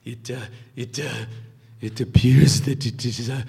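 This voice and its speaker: A man's voice: fairly even intonation, creaky, darkish tone, slightly rough, exaggerated voice. A man mimicking a throaty stammering old professor. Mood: dry, amused. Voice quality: deep throaty voice with stammering pauses. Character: dreamy old male professor, playful, deadpan wit.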